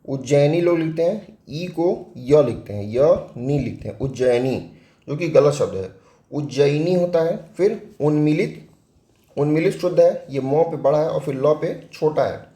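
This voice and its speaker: Unhurried and expressive, a man with a Hindi accent and a mellow, slightly high voice teaches spelling for exam prep. He takes each word step by step, asking questions and answering them on his own, with a roomy echo around him.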